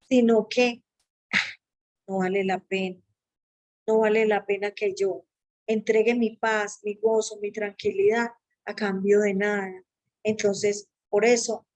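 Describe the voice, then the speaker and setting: A woman giving an earnest personal faith testimony, acting out her own remembered thoughts with sudden jumps in pitch. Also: a little mellow, rough recording.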